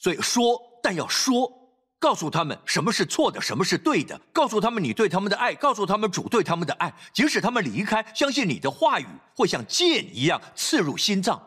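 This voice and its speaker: A male pastor preaching a sermon, reading scripture and exhorting parents, swinging between loud urging and low quiet asides. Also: very animated, fairly quick, husky.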